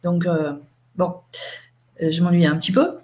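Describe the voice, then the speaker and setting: A woman's voice: lowish voice, level tone, moderate pace, darkish tone. A middle-aged woman, an interview guest, chatting casually as she recounts events and quotes what people said.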